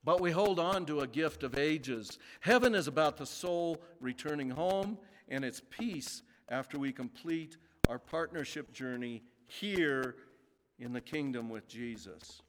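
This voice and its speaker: A male pastor preaching a sermon in a church, speaking slowly with emphatic pauses. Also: on the high side, lively intonation. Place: church sanctuary. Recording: long reverb of a large sanctuary.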